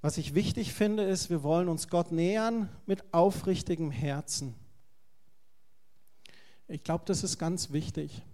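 A man's voice: fairly high pitch, measured pace, mellow. A man, a pastor, preaching a sermon and speaking earnestly and directly to his congregation.

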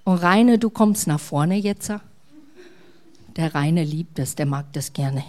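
A middle-aged woman pastor, preaching a sermon in a warm, conversational way. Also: low-pitched, animated, a little slow.

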